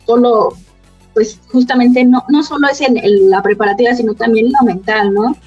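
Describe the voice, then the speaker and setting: A woman's voice: a little high, moderate pace, darkish tone, breathy edge, dry recording, lo-fi sound, soft background music. A woman, a voice actress, chatting casually and laughing often as she tells stories. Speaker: voice actress guest. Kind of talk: casual chat.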